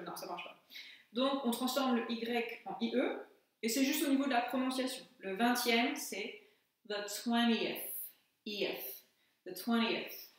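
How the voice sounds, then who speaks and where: French teacher in an echoey room. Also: female voice, a little high, distant mic. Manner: patient, spells out letters and repeats words slowly. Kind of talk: classroom lesson explanation.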